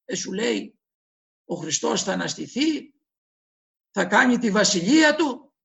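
A male preacher delivers an impassioned sermon, acting out the voices he quotes. His voice sits unusually high for a man, with a gravelly, fry-laden edge. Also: big pitch swings, a bit bright.

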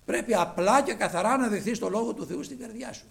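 With a high, creaky voice, a man preaches a sermon, dramatically retelling scripture and shifting between loud and hushed delivery.

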